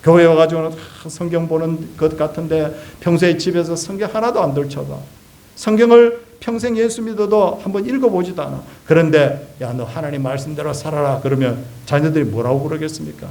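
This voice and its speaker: A man preaching a sermon as pastor, animated, asking rhetorical questions and acting out quoted speech. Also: fairly high pitch, a little fast.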